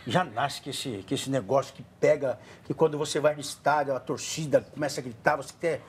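A man's voice: mid-range voice, fairly quick, breathy edge. A man in his forties with a São Paulo accent, a studio guest chatting casually and giving earnest advice to children. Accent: São Paulo Portuguese. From Brazil. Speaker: studio guest, former goalkeeper.

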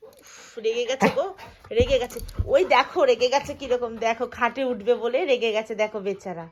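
A woman's voice: a little high, steady tone, a little fast, highs cut off, a little hiss or hum. A woman vlogging at home, scolding and coaxing her dog in a casual, repetitive way. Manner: scolding and coaxing her pet, repeating herself. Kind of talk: casual pet vlog.

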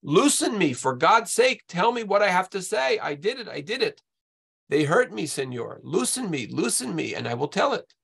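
A man's voice: fairly high pitch, big pitch swings, normal speed, vocal fry, a bit bright, slightly rough, heavily acted. A man reading aloud the pleas of a tortured woman, his voice raised and strained as he begs for mercy. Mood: pleading. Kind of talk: dramatic reading of a historical record.

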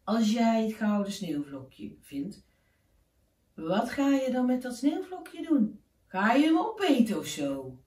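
A woman's voice: on the high side, big pitch swings, slow, mellow, pitched above the performer's own voice. A woman voicing a wise old male owl in a storybook tale, in a questioning, teasing way. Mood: curious. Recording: roomy, distant from the mic.

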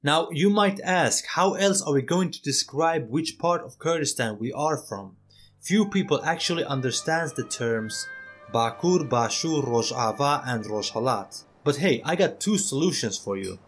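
A man of middle pitch makes an earnest, persuasive case as the host of an online opinion video, turning to speak directly to his viewers. His voice-over sits over soft background music. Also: lively intonation, measured pace. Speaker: channel host.

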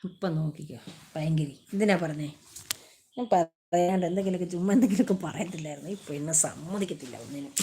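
A woman hosting a casual live stream, chatting warmly with viewers, greeting them by name, teasing them and asking for likes. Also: low voice, fast talker, background noise. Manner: affectionate, teasing.

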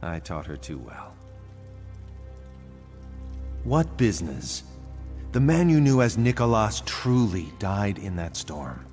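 An actor playing a weary, resigned retired criminal schemer in a video game, with a measured, theatrical delivery. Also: male voice, lowish voice, big pitch swings, a little mellow. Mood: resigned, wary. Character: retired male crime schemer turned painter, weary and resigned. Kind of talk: video game character dialogue. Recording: reverberant hall sound, faint music behind.

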